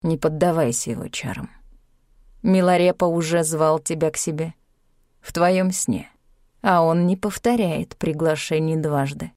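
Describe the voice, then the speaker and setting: A woman reading an audiobook, voicing a solemn, measured male Tibetan guide. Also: sits low, darkish tone, no echo, studio quality, voice pushed down. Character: low, slow-spoken Tibetan male guide. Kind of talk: audiobook character voice.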